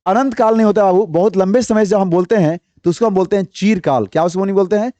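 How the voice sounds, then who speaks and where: High-voiced male Hindi exam tutor. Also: fast, mellow, dry recording, lo-fi sound. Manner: explains step by step, repeats answers, quizzes viewers. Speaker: exam prep teacher. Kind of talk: online exam-prep lesson.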